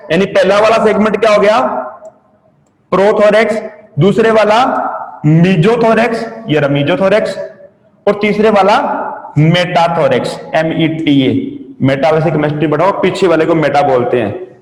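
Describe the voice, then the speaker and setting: A man's voice: high voice, a little slow. A man teaching a lecture, explaining step by step and asking and answering his own questions, mixed in. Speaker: agriculture entomology teacher. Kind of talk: classroom lecture. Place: coaching classroom. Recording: echoey classroom with long reverb.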